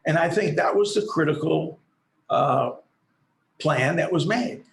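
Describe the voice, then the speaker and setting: A man's voice: fairly high pitch, unhurried, creaky, echoey room, a crowd in the background, poor audio. A man arguing for the state in an appellate court, persistent and argumentative. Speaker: attorney for the state.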